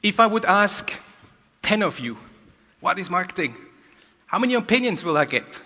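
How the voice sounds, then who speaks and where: Male keynote speaker, energetic, bright and fairly high voice, big echoing conference hall. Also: a little fast, slight background noise. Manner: energetic, rhetorical questions.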